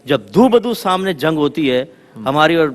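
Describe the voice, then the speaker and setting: A man speaking as a religious scholar on a TV panel, telling folksy examples in a lively way. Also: fairly high pitch, big-room sound. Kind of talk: televised religious talk.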